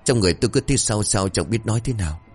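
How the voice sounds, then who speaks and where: A man's voice: lowish voice, lively intonation, rapid-fire, slightly rough, soft background music. A man voicing an uneasy older husband talking hesitantly at night in a horror story. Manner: hushed, hesitant.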